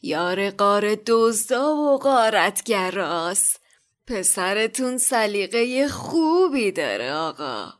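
A woman voicing an oily, fawning male shopkeeper who speaks slowly and grovels. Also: medium pitch, big pitch swings, natural voice. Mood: selling. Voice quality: greasy smooth voice. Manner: slow, groveling.

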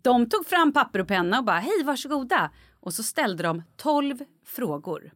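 Woman cohost telling stories fast and animated, acts out quotes, dry close mic. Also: dry recording. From Sweden. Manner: animated storyteller, acts out quotes with big pitch jumps. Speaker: podcast co-host. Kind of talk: casual chat.

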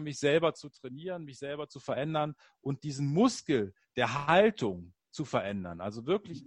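A man in casual conversation, telling personal stories in an animated, upbeat way. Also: fairly high pitch, no room sound.

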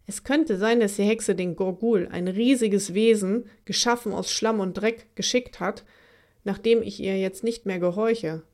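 A woman's voice: medium pitch, measured pace, darkish tone, lightly acted. A woman voicing a big, stern female forest creature who grumbles and gives orders in a children's audiobook. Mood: firm. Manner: gruff, commanding.

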